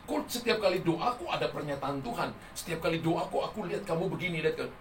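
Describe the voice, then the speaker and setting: A man preaching a sermon as a pastor, emphatic and rising loud on key words, and telling stories with quoted dialogue. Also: on the high side, expressive, quick pace, a little hiss or hum. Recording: echoey hall, voice from far off the mic.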